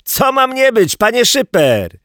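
A man voicing an excited boy who shouts in a raised, high voice, in an audiobook. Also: a little slow, dry recording, studio quality, exaggerated voice. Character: excited young male helper boy, shouting.

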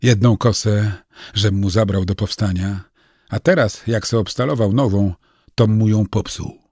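A man's voice: fairly low pitch, measured pace, dark tone, slightly rough, no room sound, studio quality. A man doing a blunt, impatient young villager.

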